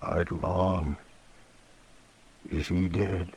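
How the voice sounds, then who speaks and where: An actor playing a badly wounded, frightened settler in a 1950s radio drama, speaking weakly and haltingly. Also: male voice, low-pitched, flat delivery, darkish tone, a little hiss or hum, full character voice. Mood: dying. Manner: weak, halting, stammering.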